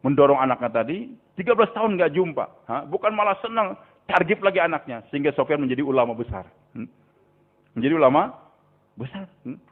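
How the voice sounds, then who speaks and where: A man's voice: fairly high pitch, expressive, a little fast. An older male preacher telling stories in a sermon, often turning to his listeners with a questioning "hmm?". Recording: tinny phone-like recording.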